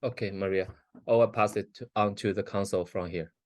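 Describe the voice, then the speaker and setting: A man in a mock hearing, asking formal questions in a measured way. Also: fairly low pitch, fairly even intonation, no room sound, clean studio sound.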